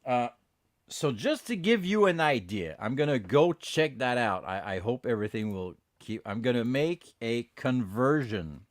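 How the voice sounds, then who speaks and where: Podcast host, male, Quebec French accent, native French speaker. Unhurried, hesitant delivery with wide swings in pitch, dry close sound. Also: no room sound. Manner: animated, hesitant, switches between English and French. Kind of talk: casual bilingual podcast chat.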